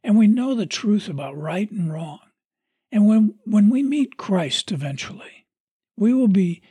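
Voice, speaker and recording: A podcast host reading a sermon aloud in a measured, earnest preaching delivery. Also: mid-range voice, dark tone, husky, no room sound.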